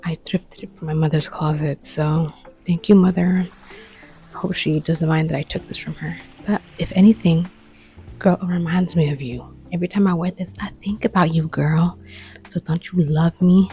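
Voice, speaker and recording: A vlogger chatting casually to the camera late at night, short of breath, rambling and often slipping into a soft whisper. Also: medium pitch, steady tone, moderate pace, vocal fry, low-quality recording. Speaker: lifestyle vlogger. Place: bedroom at night.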